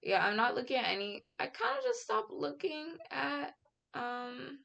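A woman's voice: sits high, sing-song, a little slow, vocal fry, sharp tone. A young woman giving casual reaction commentary, rambling with many fillers, restarts and slang. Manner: outspoken, frequent casual slang. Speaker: commentary vlogger.

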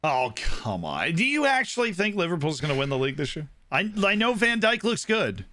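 Bright, animated man joking about football. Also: fairly high pitch, a little fast, no room sound, studio quality. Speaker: football podcast co-host. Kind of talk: casual chat.

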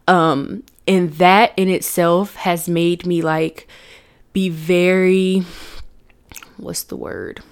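A woman's voice: fairly low pitch, steady tone, slow pace, clean tone. A young woman tells a personal story to her viewers in a candid, casual way, calling them y'all and laughing between lines. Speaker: vlogger.

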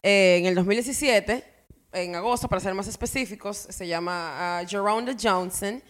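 A woman's voice: medium pitch, moderate pace. A woman with a Dominican Spanish accent telling stories casually as a podcast co-host, using slang and slipping in English phrases. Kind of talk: casual conversational storytelling.

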